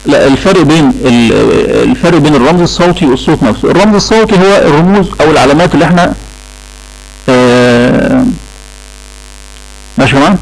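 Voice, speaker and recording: A man's voice: on the high side, lively intonation, fast talker, vocal fry, pauses often, soft background music, low-quality recording. A man with an Egyptian Arabic accent lecturing a class on English pronunciation, repeating key points and checking in with the students. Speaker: English teacher.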